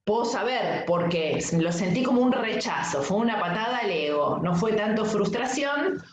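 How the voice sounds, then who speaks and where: A woman's voice: mid-range voice, normal speed. Echoey Argentine woman coach. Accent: Argentine Spanish. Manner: lively, anecdotal, keeps checking in with "¿sí?". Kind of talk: webinar lesson. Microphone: video call mic. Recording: echoey room, dull lo-fi sound.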